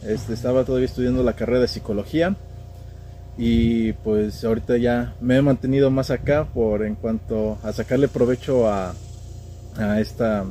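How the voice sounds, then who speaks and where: A young man from the State of Mexico, with a central Mexican accent, tells stories casually and with plenty of slang as a podcast guest. His medium-pitched, dark-toned voice holds steady at a moderate pace, with a little hiss or hum.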